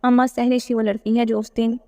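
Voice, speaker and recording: A woman's voice: on the high side, flat delivery, fairly quick, mellow, dry recording, clean studio sound, lightly acted. A woman voicing a worried young woman who confides in her mother, in a read-aloud novel.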